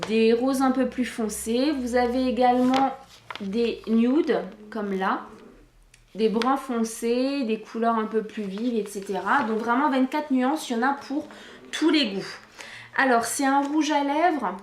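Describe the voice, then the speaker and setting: A woman's voice: a little high, a little slow, reverberant, a little hiss or hum. A woman chatting casually through a product review vlog, talking with many fillers and restarts into a camcorder microphone.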